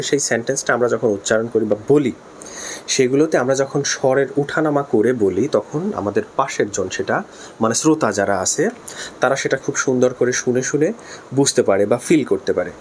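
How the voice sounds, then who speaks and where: A man's voice: mid-range voice, animated, normal speed. A Bangladeshi man teaches a lesson in an easy middle voice with a faint hiss behind him. He explains step by step, repeats key terms and spells words out letter by letter. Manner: switches between Bangla and English terms. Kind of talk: spoken lesson.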